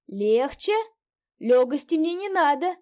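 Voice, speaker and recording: A woman reading a story aloud, voicing a rowdy, hoarse drunk young man. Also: high-pitched, animated, slow, a little mellow, voice pushed up. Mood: drunken shouting.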